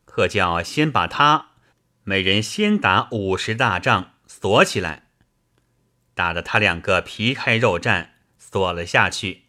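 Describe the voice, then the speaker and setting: A man narrating a classic novel aloud at an unhurried pace. His voice is low-pitched yet bright and forceful. His intonation rises and falls in a lively way. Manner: slow, expressive reading. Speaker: storyteller.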